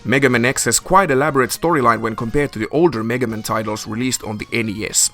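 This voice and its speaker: A man's voice: mid-range voice, fast talker, pushed and bright. A man narrates a scripted video game review over background music. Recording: music behind the voice.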